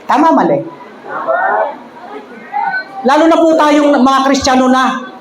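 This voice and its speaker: A woman preacher with a high, bright voice delivers a sermon full of jokes and easy laughter, speaking straight to her congregation. Her voice rings through a roomy church hall, with a faint hum of ambience underneath. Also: takes it slowly, crowd noise. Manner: addresses the congregation directly. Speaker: pastor.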